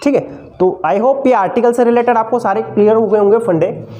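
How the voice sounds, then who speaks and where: Guy teacher doing a grammar lesson for exam prep, asks questions then answers them himself, soft warm tone. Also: very high-pitched, fairly quick, highs cut off. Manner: calls the students "son" fondly.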